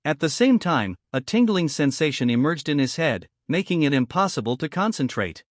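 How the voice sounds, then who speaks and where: A man's voice: fairly high pitch, very animated, moderate pace, no echo, clean studio sound. A man reading a recap story, narrating and reading every character's lines in the same voice. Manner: reads every character's lines in his own voice. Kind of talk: scripted narration.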